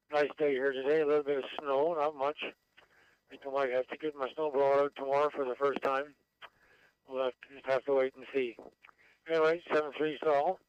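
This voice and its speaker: A man checking in on a radio net in a level, even tone with little rise or fall. He talks in short, matter-of-fact turns. His voice comes through a two-way radio link with a dull, lo-fi sound. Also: medium pitch, smooth, no echo. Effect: heard over a two-way radio link. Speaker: amateur radio operator checking in.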